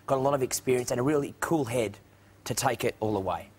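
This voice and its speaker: A young man, a talk show guest, chatting and telling animated stories in a television studio. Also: medium pitch, fast talker, slightly rough. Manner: animated storytelling with laughs. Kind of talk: casual chat.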